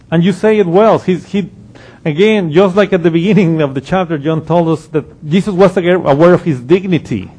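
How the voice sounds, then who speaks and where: A man with a fairly high, darkish voice preaches an expository sermon, working through scripture verse by verse, quoting passages and often restarting.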